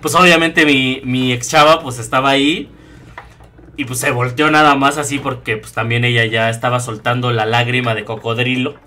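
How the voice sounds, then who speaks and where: A man's voice: medium pitch, normal speed. A young man with a Mexican accent, a streamer casually telling a story, slangy and full of swearing. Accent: Mexican Spanish. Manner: profane, slangy and animated.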